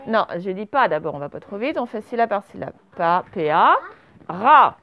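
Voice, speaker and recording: A woman's voice: medium pitch, expressive, a little fast, fairly bright tone. A woman teaching a children's dictation, stretching each word and spelling it out syllable by syllable. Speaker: primary school teacher.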